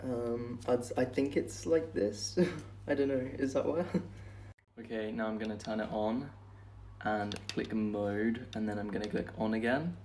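A man's voice: mid-range voice, unhurried, mellow, slight background noise. A young man talking casually to camera as he tries out a gadget at home. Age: young adult. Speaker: social media creator trying a gadget.

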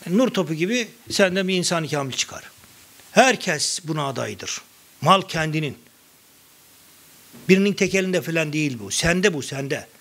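Middle-aged male lecturer, slightly high voice, anecdotal public talk on mysticism. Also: animated, moderate pace, long pauses, fairly bright tone. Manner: storytelling, quoting verses and anecdotes, conversational asides. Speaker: lecturer on Sufi poetry.

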